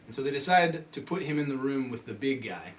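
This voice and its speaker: A man's voice: medium pitch, fairly quick. A man casually retelling a film plot in a comedy bit, rambling and laughing as he goes. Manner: rambling, laughing, animated storytelling with voices. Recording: distant mic with loud room noise.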